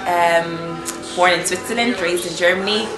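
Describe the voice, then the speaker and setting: Low-voiced young woman, chatty guest. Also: normal speed, reverberant, over music, rough recording. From Nigeria. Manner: chatty, many fillers like "um" and "you know". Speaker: interview guest, fashion blogger. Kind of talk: casual interview chat.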